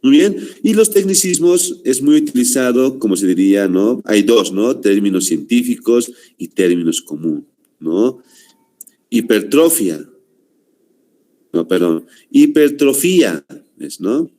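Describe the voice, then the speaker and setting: A man with a Bolivian Spanish accent lecturing a class, halting with fillers and constant "¿no?" tags. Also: on the low side, mellow. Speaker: teacher.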